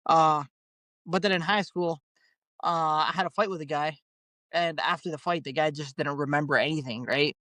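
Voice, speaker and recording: A man's voice: a little high, fairly even intonation, normal speed, pushed and bright, dry recording. A man being interviewed as a bare knuckle fighter, talking in an easygoing way and laughing often. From Canada. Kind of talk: casual interview.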